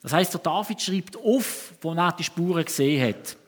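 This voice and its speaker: Swiss German preacher, slightly high voice. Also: male voice, normal speed. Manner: conversational storytelling, with frequent restarts. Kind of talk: sermon.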